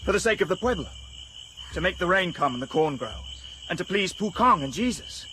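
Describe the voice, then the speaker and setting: Here the actor's voice is high-pitched and animated, with a noisy background of insects and crickets. He performs a BBC radio drama role as an earnest youth from a remote village, delivering lines solemnly and haltingly.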